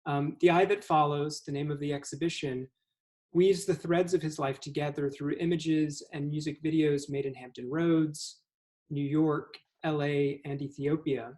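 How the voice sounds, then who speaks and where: A man's voice: fairly high pitch, steady tone, normal speed, darkish tone. A man hosting a museum artist talk, introducing and interviewing the guest with thoughtful questions. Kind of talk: hosted conversation.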